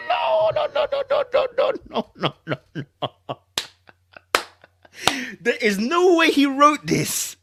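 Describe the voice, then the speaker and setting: A medium-pitched, fairly bright voice is heard in clean studio sound with no echo. The podcast host, with an urban London accent and slangy, conversational style, comments animatedly on a celebrity breakup statement, exasperated and incredulous, repeating phrases to stress them.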